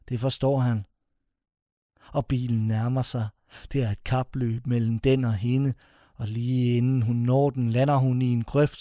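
A man narrating a scripted horror story in a suspenseful way, slowing down on the dramatic phrases. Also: medium pitch, dark tone, dry recording, clean studio sound.

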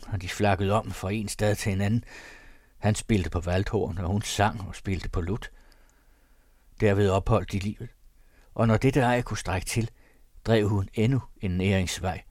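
A man's voice: on the low side, a little mellow, dry recording, studio quality. A man reading an old diary aloud in a solemn, mournful manner. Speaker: narrator. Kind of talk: scripted reading of a period diary.

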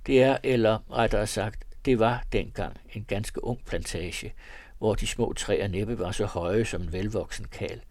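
A man reading an old novel aloud in a measured, literary way. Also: on the low side, steady tone, darkish tone, dry recording. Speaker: reader of classic novels.

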